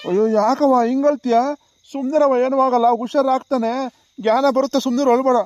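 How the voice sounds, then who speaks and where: Cartoon elder, voiced by a man: old grandfather, chiding, very high, fast, dry. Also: steady tone, a little mellow, no room sound. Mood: soothing. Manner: chiding, lecturing with repeated "ha". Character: old village grandfather, scolding and reassuring.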